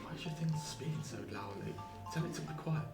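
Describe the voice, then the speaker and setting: A man plays a tabletop game, lively and full of questions. His pitch moves around a lot. The recording is echoey and distant, with music clearly audible behind him. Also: fairly quick. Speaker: player. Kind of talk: casual tabletop play. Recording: roomy, distant mic, music.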